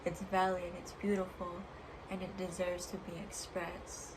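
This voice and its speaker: A woman with a slightly low voice delivers a reflective personal monologue as a vlogger. She is earnest and halting, often pausing between short phrases. There is clear background noise in the recording. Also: flat delivery.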